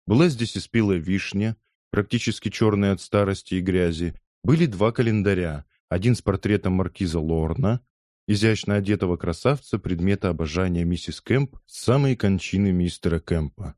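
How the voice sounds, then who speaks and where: A man reading an audiobook in steady, even scripted narration. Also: low voice, normal speed, no room sound, studio quality.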